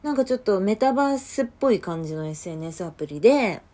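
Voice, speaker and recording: A young woman hosting a casual solo podcast late at night, chatty and lively, often bursting into a louder voice. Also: mid-range voice, fast talker. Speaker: podcast host. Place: home at night.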